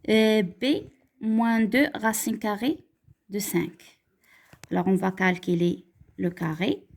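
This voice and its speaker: A woman with a Moroccan accent teaching a math lesson, stepping through calculations and slowing down to read out examples. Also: medium pitch, fairly even intonation, darkish tone. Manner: switches between French and Moroccan Arabic, slows down to dictate examples.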